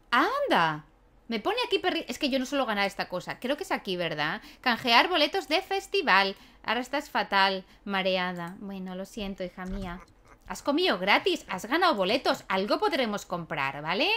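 A young woman with a slightly high, fairly bright voice chats casually while playing a life-sim game, talking to her characters and laughing often. She's a gaming YouTuber recording relaxed let's-play commentary.

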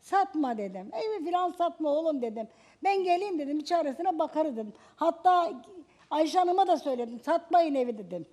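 A woman's voice: high-pitched, big pitch swings, a little fast, warm tone. An older woman guest on a talk show, insisting on her side and denying accusations. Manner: defensive, insistent denials.

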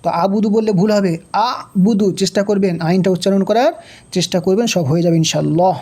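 A Quran reading teacher talks through a recitation lesson in a mellow, soft-edged voice at a mid pitch. Letters and vowel marks are spelled out slowly and each rule is repeated patiently.

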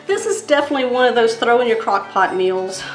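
A woman's voice: fairly high pitch, lively intonation, fairly quick. Chatty woman cooking in an echoey kitchen. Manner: chatty, step-by-step, savoring the food. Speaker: cooking channel host. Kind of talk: casual cooking demonstration. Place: home kitchen. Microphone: camera framed on hands and countertop. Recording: roomy kitchen with faint music.

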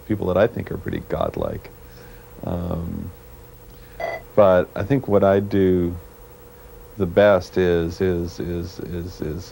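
A man from Canada, a programmer being interviewed, talking in a halting way and searching for his words, heard on a worn VHS tape copy. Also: low-pitched, creaky, warm tone, rough recording. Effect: worn VHS tape copy with faint hiss. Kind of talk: casual interview talk. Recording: worn tape with faint hiss.

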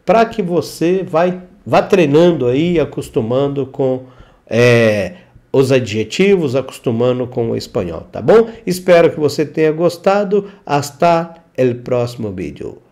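A man teaching a language lesson over slides, repeating words slowly for pronunciation and often checking in with the learner. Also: medium pitch, animated, a little mellow. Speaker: Spanish language instructor.

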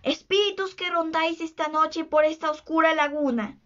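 A woman voicing a blustering, scheming male pirate captain, in a slow, theatrical, exclaiming way. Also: very high voice, steady tone, a bit bright, dull audio. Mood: shaken, demanding.

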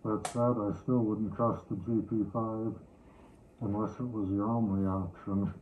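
Man, muffled through a gas mask, lowish flat voice, matter-of-fact demo talk, dull lo-fi audio. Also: a little slow. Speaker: gear reviewer. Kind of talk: casual demonstration talk. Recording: dull lo-fi sound, faint noise.

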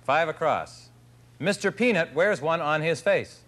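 Lively male game show host. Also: a little high, loud music behind the voice. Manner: lively, playful, quick banter. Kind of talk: upbeat game show hosting. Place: TV studio with live audience.

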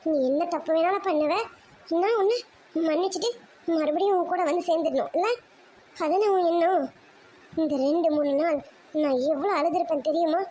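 A woman's voice: extremely high pitch, moderate pace, long pauses, mellow, slight background noise. A woman voicing a hurt young woman in a cartoon drama, accusing and reproachful. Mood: angry. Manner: reproachful, angry questioning.

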